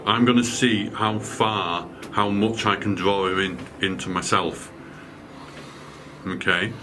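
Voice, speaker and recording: A man leading a night-time ghost hunt as a medium, calm and reassuring, often stumbling over his words. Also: lowish voice, takes it slowly. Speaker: medium leading a paranormal investigation. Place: indoors in a house at night.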